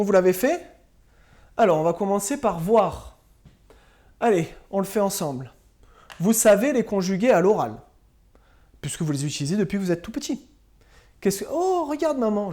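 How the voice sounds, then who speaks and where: Patient schoolteacher, a woman, spelling words out slowly for children; low, mellow and animated. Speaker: primary school teacher. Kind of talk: recorded remote spelling and grammar lesson.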